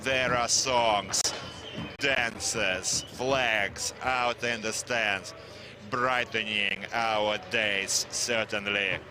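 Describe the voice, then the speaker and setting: A man giving live sports commentary on a tank competition in formal, halting English. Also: on the low side, steady tone, noisy background.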